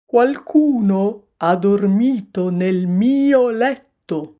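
A woman's voice: medium pitch, extremely slow, mellow, voice pushed up. A woman voicing a big papa bear who grumbles indignantly in a storybook reading.

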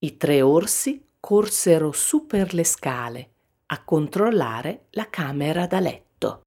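Slow, expressive woman storyteller. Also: sits low, slightly rough. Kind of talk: children's storybook narration.

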